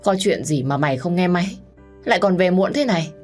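A woman's voice: fairly low pitch, animated, a little fast, faint music behind, natural voice. A woman voicing a worried middle-aged mother who scolds sharply out of fear in a storybook reading. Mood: scolding.

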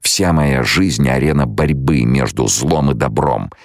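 A calm, commanding blind prophet-leader, as a male reader plays him, speaking slow and measured. The voice stays very low and gravelly, with a dry, close sound. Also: no room sound, exaggerated voice. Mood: resolute.

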